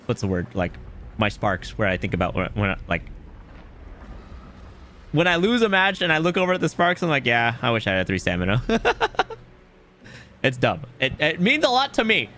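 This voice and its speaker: A man's voice: on the high side, sing-song, moderate pace, pauses often, bright, forceful tone, slight background noise. A young man streaming a game, chatting casually and rambling as he searches for words. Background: faint game music.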